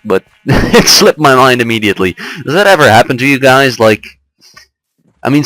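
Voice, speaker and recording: A man's voice: fairly low pitch, fairly bright tone, no echo, poor audio. A young man chatting casually and rambling with amusement as he plays and comments on a game. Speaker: let's play host.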